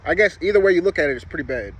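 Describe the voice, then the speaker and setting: A man's voice: on the high side, expressive, very fast, fairly bright tone. A man vlogging in a laid-back, rambling storytelling style, his words slightly muffled by a lip packed with chewing tobacco. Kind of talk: casual storytelling chat to camera. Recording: clear background noise, vehicle ambience.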